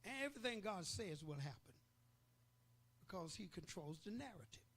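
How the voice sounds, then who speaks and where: An older man preaching a sermon as pastor, emphatic, rising to loud peaks and pausing for effect. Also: high-pitched, lively intonation, slightly rough.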